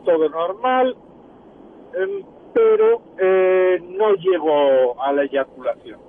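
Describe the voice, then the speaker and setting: A man calls in by phone while on the road, his voice squeezed into a tinny, narrow line. He speaks slowly and haltingly, in a slightly high register, with faint road noise behind him. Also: sing-song. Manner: hesitant, halting. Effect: phone call from a moving vehicle. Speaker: radio call-in listener. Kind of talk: casual phone call. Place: vehicle on the road.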